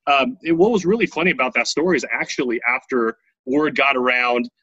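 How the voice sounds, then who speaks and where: A man's voice: medium pitch, fairly quick, sharp tone, breathy edge, dry recording, dull audio. A man in his thirties from Taiwan, telling his life story casually as an interview guest, often tagging his lines with "right?".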